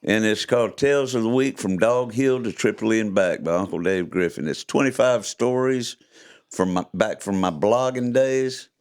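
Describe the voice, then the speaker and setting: A man's voice: lowish voice, moderate pace, darkish tone, clean tone. An older man, hosting a podcast and reading his own stories in a folksy, chuckling way. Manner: folksy, chuckling, playful delivery. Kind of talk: casual chat and storytelling read-aloud.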